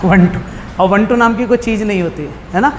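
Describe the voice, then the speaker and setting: A man's voice: high-pitched, fairly quick. A man teaching math, throwing rhetorical questions at his students in a blunt, informal way. His voice has a long reverb behind it and a faint hiss. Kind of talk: classroom lecture. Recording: hall reverb with faint background noise.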